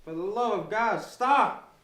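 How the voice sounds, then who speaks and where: A man's voice: a little high, moderate pace, lightly acted. A man playing a frightened, bound young captive who is dazed and desperately pleading. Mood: panicked. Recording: roomy and distant with faint noise.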